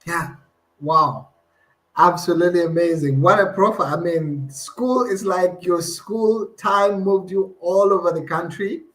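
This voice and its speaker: A man's voice: sits high, unhurried, a bit bright. A man hosting a live online broadcast, enthusiastic and engaging his viewers over a video call. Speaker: host. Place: Leiden.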